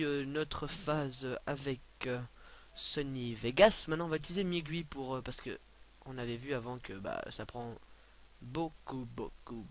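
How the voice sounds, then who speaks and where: A young man giving a casual, rambling software tutorial, filling his talk with hesitations and offhand asides. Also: medium pitch, a little hiss or hum. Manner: rambling, many filler sounds, offhand asides. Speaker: tutorial maker.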